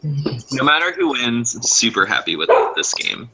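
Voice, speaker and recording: A man's voice: mid-range voice, very animated, unhurried, heavy background noise. A man competing as a game show contestant, talking in a casual, upbeat way.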